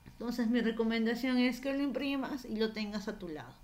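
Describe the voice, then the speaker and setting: A woman's voice: fairly high pitch, brisk, a little mellow. A woman teaching a university writing class, explaining patiently in a conversational way and often tagging her sentences with a questioning "no?". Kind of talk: conversational online class lecture.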